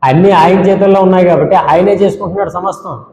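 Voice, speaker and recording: A man's voice: high-pitched, fairly even intonation, fast talker, darkish tone, a little hiss or hum. A male pastor preaching a sermon, scolding his congregation with rhetorical questions and repeated lists. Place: church hall. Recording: dull echoey church hall with long reverb.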